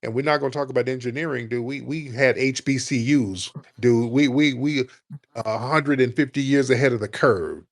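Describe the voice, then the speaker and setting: This man runs a call-in show and speaks at a moderate pace, animated and crude in his bluntness. Sometimes he puts on a high voice to make fun of people.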